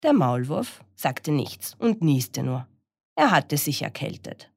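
Low, slow woman reading a children's story. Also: sing-song, vocal fry, breathy edge, dry recording, studio quality. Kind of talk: reading a children's picture book aloud.

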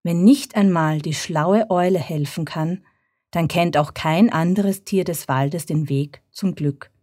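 A woman narrating a children's bedtime story in a calm, measured way. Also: fairly low pitch, no echo, studio quality.

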